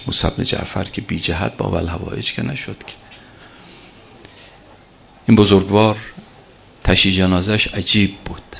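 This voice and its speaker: Man preaching a storytelling sermon; deep, gravelly delivery, emphatic and repetitive. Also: a bit bright, lo-fi sound. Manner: emphatic, repeats key phrases.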